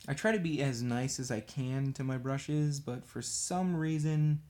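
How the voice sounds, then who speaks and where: A man's voice: medium pitch, a little slow, a little mellow. A man casually chatting on a livestream while painting miniatures, rambling and self-deprecating as he works. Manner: talks absent-mindedly while working with a brush.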